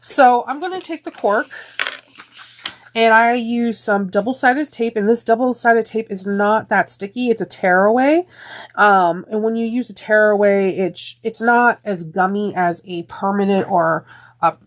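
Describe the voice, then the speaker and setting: A woman hosts a sewing tutorial, talking through each step with lots of ums and restarts. A sinus infection leaves her voice a bit deeper and congested, and her pace is slightly slow.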